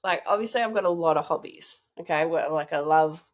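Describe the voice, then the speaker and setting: A woman guest telling a lively hunting story in a casual, chatty way. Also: sits low, fairly quick. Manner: chatty, animated, lots of "like" and laughter.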